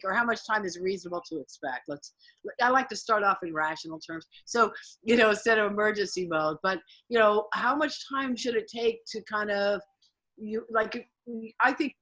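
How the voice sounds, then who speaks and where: A woman's voice: medium pitch, sharp tone, poor audio. A woman on a video call asking a question in a hesitant, circling way, full of fillers.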